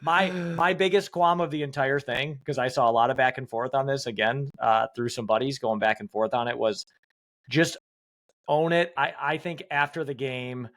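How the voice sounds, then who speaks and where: A man's voice: mid-range voice, moderate pace, fairly bright tone. Heated, swearing male podcast co-host. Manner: heated, swearing, repeats himself. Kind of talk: casual sports podcast chat.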